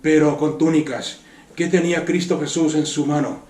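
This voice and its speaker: Spanish man, fairly high voice, preaching a sermon from a distance in a roomy church hall. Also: steady tone, normal speed, a little mellow. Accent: Spanish from Spain. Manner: earnest, repeats words for emphasis, asks the congregation rhetorical questions. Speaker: pastor.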